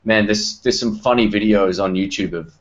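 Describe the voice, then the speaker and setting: A man's voice: on the low side, moderate pace. A man hosting a casual chat about guitar pedals over an online group call. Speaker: host of a live guitar-pedal video chat. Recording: dull, lo-fi online call audio.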